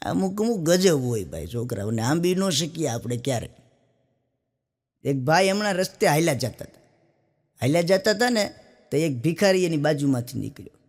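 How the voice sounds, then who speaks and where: A man's voice: fairly high pitch, very animated, moderate pace, a little mellow. A man from Saurashtra telling stand-up jokes, with a Saurashtra Gujarati accent and a folksy storytelling style. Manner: folksy storytelling with punchline asides. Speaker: stand-up comedian. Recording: long hall reverb.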